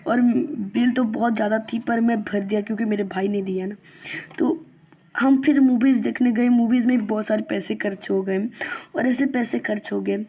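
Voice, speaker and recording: A woman with a slightly high voice tells a long, winding first-person story in a casual way. She circles back, repeats phrases and restarts sentences, filling gaps with little fillers. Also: fairly even intonation, normal speed, mellow. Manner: rambling and repetitive, many fillers and restarts.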